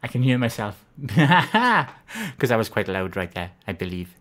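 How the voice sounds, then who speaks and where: Pitch swings widely in this medium-pitched, slightly bright voice, though the pace stays measured. It belongs to a chatty live streamer from Wales with a Swansea accent who reads comments aloud and laughs at themselves.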